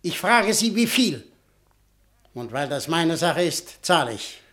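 This actor's industrialist, a rich, arrogant man in a vintage German radio drama, is curt and businesslike. The male voice is a little high and sing-song, slightly slow, with a bit of brightness.

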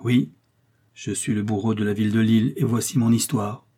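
A man playing a stern, solemn male executioner who tells his story gravely in an audiobook. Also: on the low side, fairly even intonation, dark tone, natural voice. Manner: grave and measured.

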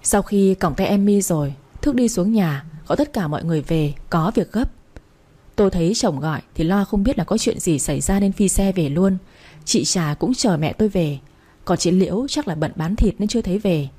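Husky woman reading a first-person story. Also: on the low side, animated, moderate pace, dark tone.

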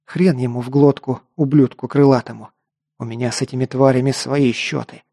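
A man's voice: mid-range voice, little pitch movement, brisk, gravelly, dark tone, no echo, studio quality. A man voicing a fierce, foul-mouthed young female warrior in an audiobook, snarling defiance. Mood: defiant.

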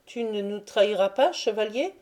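A woman's voice: mid-range voice, animated, normal speed, pitched above the performer's own voice, close to an everyday voice. A woman voicing a frightened, pleading young Tatar servant woman in an audiobook. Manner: hushed, pleading answers.

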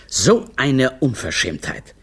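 A man voicing a pompous, hot-tempered male circus director who whines in pain and bellows in rage, with a husky voice. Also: wildly swooping pitch, takes it slowly, heavily acted. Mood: furious. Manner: whiny, then booming and furious.

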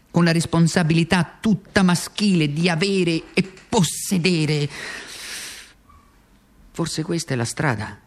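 Voicing a worn-out, self-accusing communist in torment, a male actor with a voice on the high side performs a theatrical radio monologue. His anguished yearning comes through in halting speech and phrases repeated for emphasis.

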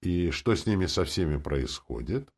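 A bewildered, frightened man speaks in a timid, pleading way, as an audiobook narrator puts him on. The voice is low with lively swings of pitch. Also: normal speed, breathy edge, full character voice. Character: frightened bewildered man, newly arrived stranger.

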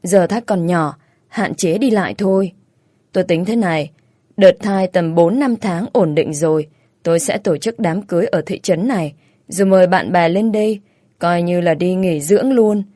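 A woman reading a story voices an older future mother-in-law who is brisk, practical and scolds kindly. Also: fairly low pitch, mellow, no echo, clean studio sound, natural voice. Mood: firm.

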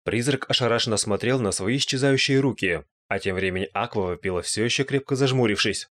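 A man narrating a first-person fantasy audiobook in a lively, dry storytelling manner. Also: medium pitch, fairly quick.

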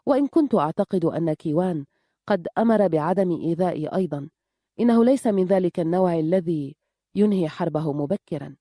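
A woman voicing a weary, grim woman who leads a village of outcasts, speaking gravely. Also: fairly low pitch, lively intonation, fairly quick, dark tone, no room sound, studio quality. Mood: resolute. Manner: grave, somber delivery.

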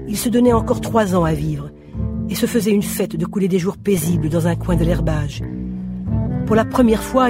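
Steady radio storyteller, mid voice, music playing under it. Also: mid-range voice. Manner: steady storytelling, lifts for dramatic moments. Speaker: reader. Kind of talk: radio drama reading.

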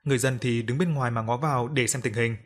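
A man narrating a scripted ghost story in a steady, grave voice. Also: medium pitch, fast. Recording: faint background music.

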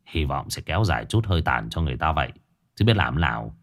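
A man doing a blunt, stern ghost-hunting master. His voice sits very deep and speaks in a hushed, curt way, yet the pitch still swings with life. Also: very animated, fast talker. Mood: grim.

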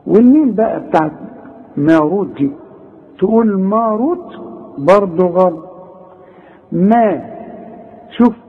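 A man with an Egyptian accent teaching Quran recitation rules, quizzing the student and slowly modelling each word. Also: high-pitched, phone-quality sound, a little hiss or hum. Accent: Egyptian Arabic. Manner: animated, demonstrates recitation slowly, questions the student. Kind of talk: tajweed lesson.

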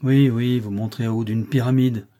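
A man reading an audiobook, voicing a brusque, teasing wealthy gentleman employer. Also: mid-range voice, steady tone, brisk, natural voice.

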